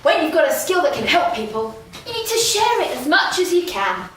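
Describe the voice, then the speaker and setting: A woman's voice: high-pitched, very animated, a little fast, fairly bright tone. A woman playing an earnest, kindly young hero in a stage pantomime, apologetic and coaxing. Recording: echoey noisy hall from far off.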